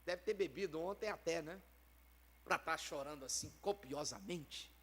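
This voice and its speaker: A man's voice: on the high side, sing-song, moderate pace, fairly bright tone, husky, big-room sound, pitched below the performer's own voice, full character voice. A man voicing a judging priest who scornfully accuses a woman of being drunk. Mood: accusing.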